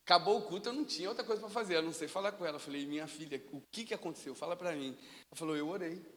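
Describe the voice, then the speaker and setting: Male pastor, high-pitched, lively storyteller from the pulpit; reverberant sanctuary sound. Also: rapid-fire, a little hiss or hum. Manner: storytelling, animated, casual. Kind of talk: sermon. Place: church sanctuary. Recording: long reverb of a church hall.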